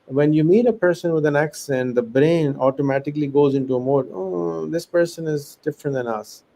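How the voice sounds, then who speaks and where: His voice is fairly high, a little fast, gravelly and warm. The speaker, a Pakistani education founder on a podcast, earnestly explains his thinking in an informal interview, rattling off examples amid restarts and fillers. He speaks non-native English with an American-leaning accent.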